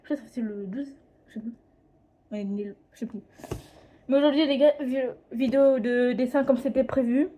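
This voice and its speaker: A woman's voice: high voice, steady tone, moderate pace, muffled recording. A teenage girl chatting casually in a home drawing vlog, rambling, hesitant and often correcting herself. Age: teens. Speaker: drawing vlogger. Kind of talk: casual chat. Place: home, indoors.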